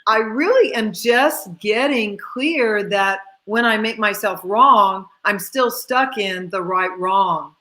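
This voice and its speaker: A woman's voice: medium pitch, slow, hardly any pauses, sharp tone. A woman guest in a casual online interview, speaking emphatically and laughing easily.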